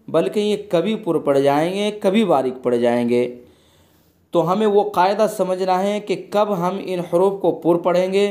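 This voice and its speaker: Mellow-voiced man teaching recitation rules. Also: high voice. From India. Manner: patient and explanatory, repeating each rule and chanting example words slowly. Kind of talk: online recitation lesson.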